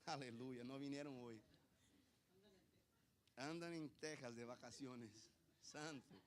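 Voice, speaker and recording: Preaching slowly in a medium-pitched voice, a male pastor asks his congregation rhetorical questions. He alternates between soft asides and bursts of loud emphasis.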